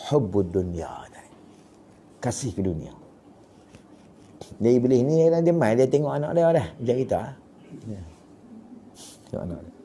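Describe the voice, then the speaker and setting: Mellow-voiced religious teacher storytelling. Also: male voice, mid-range voice, big pitch swings, a little slow, pauses often, slight background noise. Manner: storytelling, swinging between loud and quiet asides. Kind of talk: kitab study lecture. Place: mosque lecture hall.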